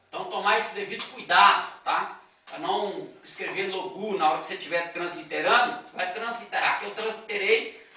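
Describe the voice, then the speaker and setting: Teacher, male, high pitch, bright edge, leisurely lecturing pace; recorded far off in a roomy, reverberant space. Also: gravelly. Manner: explains step by step, with frequent "tá?" and "ó" checks. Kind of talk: classroom lecture. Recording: echoey room, voice from a distance.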